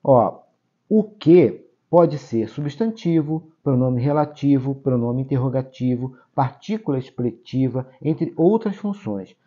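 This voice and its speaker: A man's voice: mid-range voice, expressive, unhurried, warm tone. A man, teaching a grammar lesson for exam prep, explaining step by step and checking in with tag questions. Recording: dull lo-fi sound.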